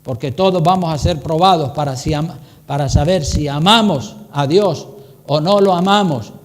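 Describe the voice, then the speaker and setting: A man's voice: high voice, a little mellow. A man preaching a sermon as pastor, emphatic and repetitive, acting out the phrases he quotes. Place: church hall. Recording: long reverb of a church hall.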